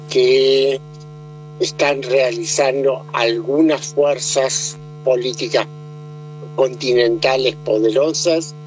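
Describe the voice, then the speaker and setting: A man's voice: mid-range voice, low-quality recording. A man, explaining politics conversationally, with many hesitations and restarts. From Argentina. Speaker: political commentator.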